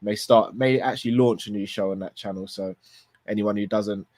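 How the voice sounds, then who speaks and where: A man hosting a football watchalong livestream, his voice croaky and tired, thanking viewers in a relaxed, rambling way. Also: lowish voice, moderate pace, dry recording. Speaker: host. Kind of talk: casual livestream sign-off.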